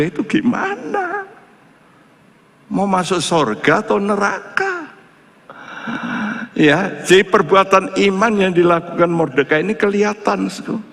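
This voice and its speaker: A male pastor preaching a sermon, firing rhetorical questions and swinging between loud and hushed. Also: a little high, gravelly. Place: church. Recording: echoey church hall.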